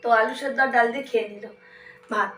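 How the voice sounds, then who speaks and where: At home indoors, a young Indian woman with a Bengali accent narrates a casual daily vlog, chatting with viewers as if they're friends and sometimes speaking softly so her sleeping daughter isn't woken. Her voice is fairly high and steady, her pace quick, with faint music behind.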